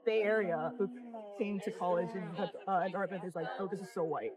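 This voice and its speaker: A woman's voice: lowish voice, steady tone, fairly quick. A young woman in her twenties, born and raised in South Korea, chatting casually and thinking aloud with many ums, interviewed outdoors in the city. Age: 20s. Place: outdoors on a busy city street. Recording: crowded street noise behind. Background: crowd chatter.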